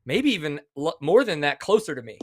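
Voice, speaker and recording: A man in his forties, a podcast co-host, talking in an excitable, animated casual chat. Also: a little high, fairly quick, slightly rough, no room sound, clean studio sound. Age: 40s.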